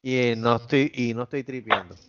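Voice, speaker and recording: A man's voice: medium pitch, brisk, a bit bright, highs cut off. A man in casual chat, blunt and swearing freely.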